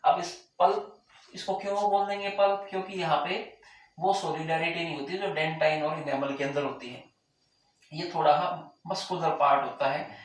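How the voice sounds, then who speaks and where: With a sore throat forcing him to clear it again and again, a man with a slightly high voice teaches a class. He keeps repeating key terms and checking, rhetorically, whether it's clear, captured by a distant mic in a heavily echoing room.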